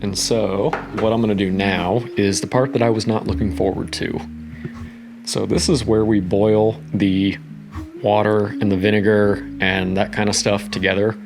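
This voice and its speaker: Over music, a cooking vlog host chats his way through making food in his home kitchen, narrating every step in a rambling, laid-back, profane style. His voice sits lowish with a level tone, normal speed, and some vocal fry.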